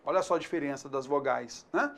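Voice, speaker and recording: A man with a Brazilian accent teaching a video lesson, chatty and often checking in with the viewer, sounding out syllables slowly. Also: medium pitch, vocal fry, a bit bright.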